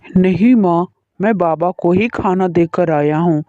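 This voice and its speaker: A woman voicing a kind older brother who calmly pleads for his sister. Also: lowish voice, unhurried, no echo, narrow, tinny audio, pitched below the performer's own voice, natural voice. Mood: protective. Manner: calm, pleading.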